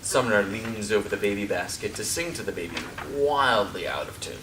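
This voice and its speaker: Deep-voiced man reading stage directions, echoey. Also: expressive, normal speed, bright, forceful tone. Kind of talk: scripted narration at a play reading. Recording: distant, echoey room, faint noise.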